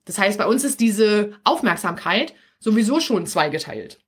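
A business coach with a Berlin accent gives a live-streamed talk, chatty and direct, often checking in with viewers and tagging points with "okay?" Her husky voice is medium in pitch, animated, at a normal speed.

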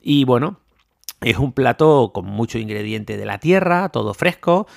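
A man's voice: medium pitch, lively intonation, measured pace, creaky, no echo, studio quality. A man from Tenerife with a mixed Canarian and peninsular Spanish accent, hosting a casual solo podcast in a chatty, enthusiastic way with many fillers and tag questions. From Tenerife, Canary Islands. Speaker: podcast host.

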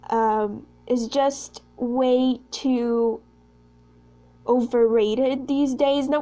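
Her voice sits high with a darkish tone: she's a sixteen-year-old Brazilian teen, a Portuguese speaker, rambling chattily and self-consciously as the solo host of her podcast.

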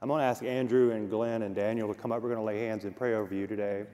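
A man's voice: fairly low pitch, steady tone, fast, mellow. A male pastor speaking earnestly to his congregation and leading them in prayer from the stage. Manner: affirming, earnest. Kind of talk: church panel host and prayer. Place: church sanctuary. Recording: long reverb of a church hall with audience.

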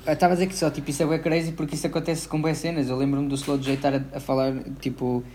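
Young man, fairly high pitch, fast, casual interviewer, slangy. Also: level tone, mellow, a little hiss or hum. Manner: slangy, full of filler words. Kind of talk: casual chat.

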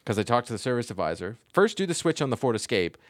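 A man's voice: medium pitch, fast, no echo. Man, podcast co-host, casual chat, exasperated rant, dry close mic. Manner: animated, exasperated storytelling.

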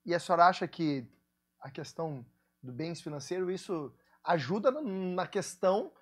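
A man's voice: sits high, lively intonation, moderate pace. A man interviewing a pastor, playful and teasing at first, then asking earnest questions. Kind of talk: casual church interview.

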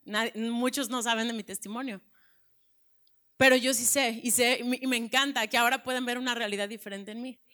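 A woman's voice: fairly high pitch, fairly even intonation, brisk, sharp tone. A woman pastor in her thirties with a Mexican Spanish accent, sharing her testimony in an earnest, conversational sermon with frequent restarts. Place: church breakfast event.

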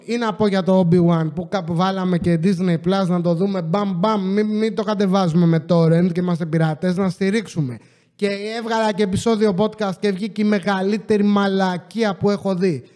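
Man, podcast host, high voice, casual sarcastic rant, lots of swearing. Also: steady tone, darkish tone, big-room sound. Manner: ranting, sarcastic, swears a lot.

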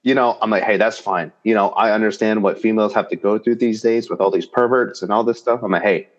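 A man hosting a casual chat, telling a dating story in an animated, joking way. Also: fast talker. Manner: animated and joking, with big pitch jumps. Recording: slightly dull, lo-fi sound.

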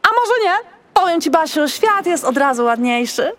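Actress doing a vain, bragging show-off; high, bouncy, theatrical. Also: female voice, animated, moderate pace, fairly bright tone. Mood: boastful. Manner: showy, teasing, self-satisfied. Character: vain, boastful girl character, self-admiring. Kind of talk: storybook dialogue.

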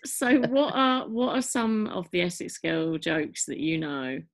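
A woman's voice: on the low side, expressive, a little slow. A woman podcast host having a casual, informal chat.

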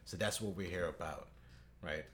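A man in his thirties hosting a podcast, speaking earnestly and at a measured pace with filler "uh"s. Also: low voice, a bit bright, a little hiss or hum. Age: 30s. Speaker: podcast host. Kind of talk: podcast introduction.

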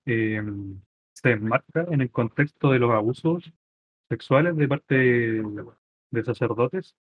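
A man's voice: mid-range voice, no room sound. Man on a tinny, phone-like line. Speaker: podcast host. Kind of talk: casual film chat. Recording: tinny, dry phone-like sound.

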